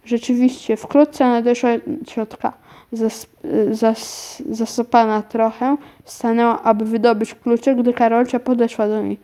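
A woman reads a children's story aloud at an even, calm pace. Her voice sits a little above the usual pitch for a woman. Now and then she trips over a word and starts it again. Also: unhurried. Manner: calm, even narration with small slips. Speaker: narrator. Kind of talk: storybook reading.

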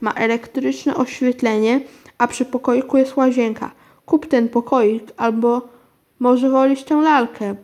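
A sly witch disguised as a sweet saleswoman, read by a woman. She wheedles and coaxes in a bright, slightly high voice, all sugary persuasion. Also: steady tone, unhurried, natural voice. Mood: coaxing. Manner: coaxing, wheedling.

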